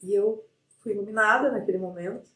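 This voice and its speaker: Woman psychologist guest, middle-aged, animated storytelling with restarts, echoey room, a bit far from the mic. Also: mid-range voice, fairly quick. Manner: animated retelling with frequent restarts. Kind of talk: conversational storytelling in an interview. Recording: roomy sound from off the mic.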